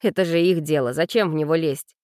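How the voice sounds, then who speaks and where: A woman reading aloud and voicing a relaxed teenage boy who teases and shrugs things off, close to her own voice. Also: low-pitched, fairly quick, no room sound, natural voice. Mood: easygoing. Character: easygoing teenage boy, teasing and calm.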